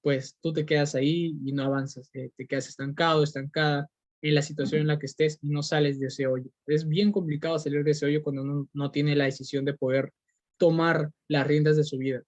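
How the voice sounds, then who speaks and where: Speaking fairly quickly in a flat, fairly high voice, this Peruvian podcast host gives an earnest motivational talk packed with fillers and restarts. He's a young man with a Peruvian Spanish accent, captured in a dull, dry, lo-fi recording.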